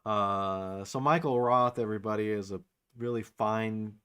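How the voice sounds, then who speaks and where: A man hosting a casual livestream from his home studio, talking loosely with lots of fillers while a saxophone warms up. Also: fairly low pitch, measured pace, clean tone. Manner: loose and rambling, many fillers. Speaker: livestream host and musician. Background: saxophone warming up.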